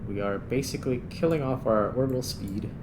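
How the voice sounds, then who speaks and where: His voice is mid-range, a little mellow, and brisk as he hosts a gaming channel. He offers laid-back commentary and thinks out loud while playing, and the recording has no background noise.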